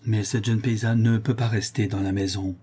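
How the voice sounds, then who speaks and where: A wounded young man of the people, somber and terse, brushing off his injuries, as a man reading the story voices him. The timbre is dark and husky. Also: lowish voice, level tone, moderate pace.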